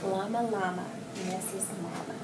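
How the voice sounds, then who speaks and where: This mid-range female voice belongs to a middle-aged hospital executive assistant who reads children's stories, here sharing a picture book with little kids in a measured, expressive way. She's in an indoor room decorated on the walls. A far-off microphone picks up roomy echo and noticeable background noise.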